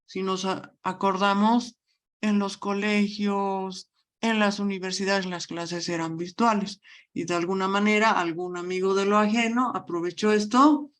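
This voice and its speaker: A woman teaches an online language class. She keeps telling students to pay attention and leans on each question word. Her voice sits at an ordinary middle pitch for a woman. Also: steady tone, a little slow, fairly bright tone. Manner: repeats "fíjense", stresses question words.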